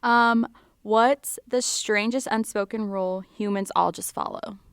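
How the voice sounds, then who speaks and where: An American woman co-hosting a podcast, excitable and quick to laugh, swearing freely in casual chat. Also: medium pitch, smooth, no echo. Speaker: podcast co-host.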